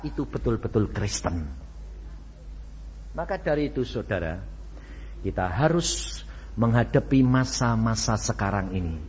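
A man preaching a sermon with a Javanese accent, emphatic, swinging from hushed asides to shouted exclamations. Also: medium pitch. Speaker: pastor. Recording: dull lo-fi with faint background noise.

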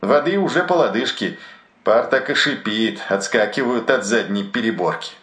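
A man's voice: mid-range voice, expressive, moderate pace, fairly bright tone, roomy sound, voice pushed up, close to an everyday voice. A man voicing a dazed, rambling sailor trapped below deck, chattering in a detached, dreamy way in an audiobook. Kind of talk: audiobook narration.

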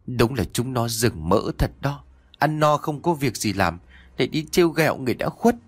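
A man's voice: medium pitch, expressive, moderate pace, slightly rough, no echo, pitched above the performer's own voice. A man voicing a scolding older village mother in a storybook ghost tale, talking in a raised voice. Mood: indignant. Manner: scolding, wailing.

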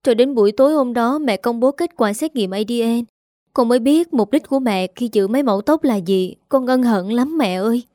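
A woman's voice: on the high side, brisk, warm tone, dry recording, natural voice. Storybook daughter, young and remorseful, pleading, read by a woman in her own voice, dry close sound. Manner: pleading, apologetic.

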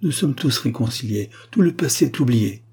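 A man's voice: medium pitch, lively intonation, moderate pace, dark tone, breathy edge. A man reading aloud gives voice to a distraught noble mother who pleads and exclaims. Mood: pleading. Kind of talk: audiobook dialogue reading.

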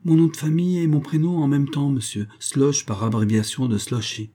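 A man reading aloud and voicing an eager, quick-talking little foundling boy in a storybook. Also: mid-range voice, fairly even intonation, dark tone, pitched above the performer's own voice, natural voice. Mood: eager, polite.

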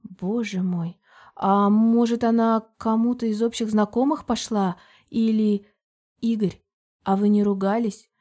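A woman's voice: medium pitch, fairly even intonation, a little slow, dark tone, close to an everyday voice. A woman voicing an anxious young female friend who speaks in a worried, hesitant way.

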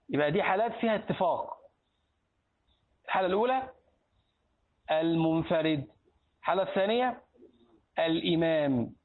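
Egyptian sheikh, lively classroom teacher, husky higher voice, asks questions and answers them himself; phone-quality lo-fi sound. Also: male voice. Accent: Egyptian Arabic. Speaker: sheikh teaching a hadith book. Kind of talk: Islamic lesson in a mosque. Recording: tinny lo-fi phone-like recording.

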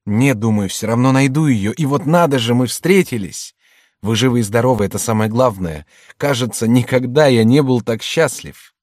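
A man's voice: medium pitch, normal speed, a little mellow, no room sound, clean studio sound, voice pushed up, natural voice. A man voicing an earnest young man reunited with his mother, speaking eagerly.

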